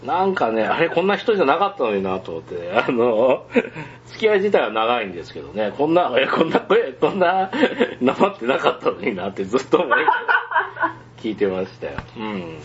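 A man's voice: medium pitch, very animated, a little fast, muffled recording, slight background noise. A man chatting casually on the radio, rambling with many fillers and frequent chuckles. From Hyogo, Japan.

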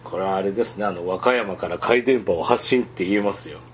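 A man's voice: low voice, fast talker, highs cut off, a little hiss or hum. A man chatting casually on the radio, rambling with many fillers and frequent chuckles. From Hyogo, Japan.

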